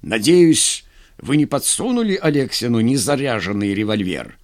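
A man voicing a stern, contemptuous army general who speaks gruffly, in a commanding way. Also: medium pitch, sing-song, normal speed, dry recording, studio quality. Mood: stern scorn.

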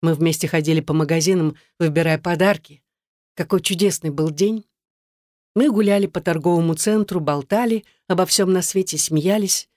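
A woman reading a first-person story aloud, in a soft and earnest narrating voice. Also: fairly low pitch, normal speed, dry recording, studio quality. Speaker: audiobook narrator.

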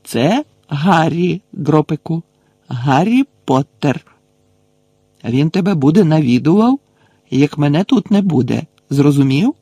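A man voicing a huge, gentle half-giant who shouts and coaxes in folksy speech, in an audiobook reading. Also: on the high side, animated, unhurried, breathy edge, no echo, full character voice. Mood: coaxing.

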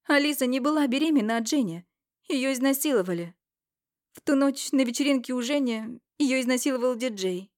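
Lady doing a frantic high-strung young woman, loud, rushing, dry close audiobook. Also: animated, dry recording. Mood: desperate. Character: frantic young woman, desperate to stop a fight. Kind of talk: audiobook character reading.

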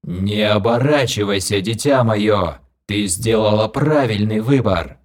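A slow, gloating undead old woman with a grating, low-set voice, voiced by a male audiobook reader. She drags out each word with solemn menace. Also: close to an everyday voice. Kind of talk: audiobook character voice.

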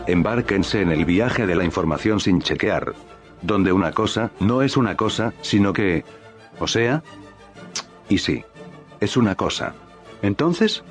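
A man voicing a brash, foul-mouthed male internet personality, who slides from a mock-formal intro into cursing. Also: deep voice. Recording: music bed underneath.

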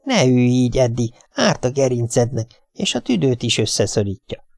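A man's voice: medium pitch, big pitch swings, gravelly, darkish tone, no echo, studio quality. A man doing a fussing, scolding mother. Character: fussing, overprotective mother's ghostly voice.

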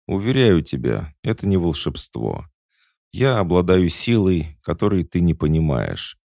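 A man's voice: low-pitched, very animated, unhurried, creaky, a little mellow, no room sound, studio quality, pitched above the performer's own voice, exaggerated voice. Man voicing Ayesha, a cold immortal queen. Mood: calm, superior. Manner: cold, imperious, mocking. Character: proud immortal queen, cold, commanding, jealous.

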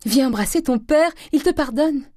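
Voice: mid-range voice, little pitch movement, moderate pace, mellow, dry recording, clean studio sound, natural voice. A reader voicing a frail pious mother. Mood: overjoyed. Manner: pleading, then crying out. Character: frail pious old mother, timid and devout. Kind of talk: audiobook character voice.

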